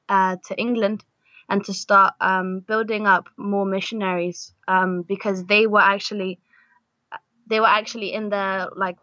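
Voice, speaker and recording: A woman's voice: medium pitch, bright, forceful tone, no room sound, lo-fi sound. Hesitant young woman from Argentina. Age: young adult. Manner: hesitant, many fillers. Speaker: missionary guest. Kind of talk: casual interview.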